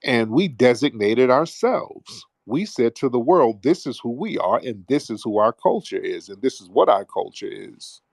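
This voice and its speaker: A man's voice: mid-range voice, big pitch swings, normal speed, gravelly, few pauses, dry recording. Emphatic American man, dry mic. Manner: emphatic, streetwise, preaching-style delivery. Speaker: host. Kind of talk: live audio chat room monologue.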